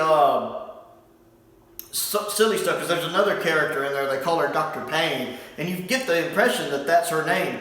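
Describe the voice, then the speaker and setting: A man's voice: on the high side, a bit bright. A man giving a casual spoken review, rambling and thinking aloud with frequent restarts. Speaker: audio drama reviewer. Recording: echoey room, far from mic.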